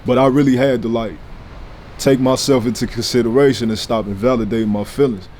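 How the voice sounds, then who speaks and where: Brash young St. rapper talking. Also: male voice, mid-range voice, steady tone, fairly quick, a little mellow, slight background noise. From St. Louis, USA. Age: 20s. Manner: brash, profane, slangy. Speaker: rapper, interview guest. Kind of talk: casual sit-down interview talk.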